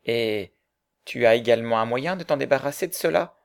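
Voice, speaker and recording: A man's voice: medium pitch, fairly quick, gravelly, lightly acted. A man voicing an anxious, jealous young man in love, in a dramatized audiobook reading. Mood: fretful. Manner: fretful, pleading.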